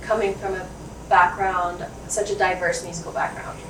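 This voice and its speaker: A woman's voice: fairly low pitch, little pitch movement, normal speed, background noise. A woman hosting a casual interview, asking friendly, upbeat questions. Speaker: interviewer, host. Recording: echoey room, from a distance.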